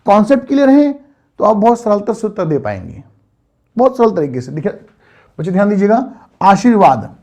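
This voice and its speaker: High-voiced man teaching grammar. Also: very animated, fairly quick, long pauses, darkish tone. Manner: patient, repetitive quizzing of students. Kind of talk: online Hindi grammar lesson.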